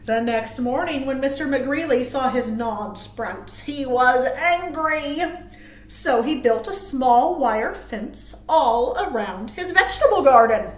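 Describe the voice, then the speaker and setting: At storytime, a librarian reads a picture book aloud to young children, speaking expressively with dramatic emphasis and asking her listeners questions. Her voice is high and her pace slow, captured in an echoey room on a low-quality recording.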